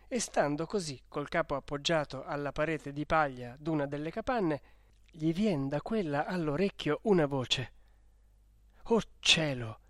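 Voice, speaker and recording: A man narrating a classic novel in a measured, expressive audiobook reading. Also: fairly high pitch, no echo, studio quality.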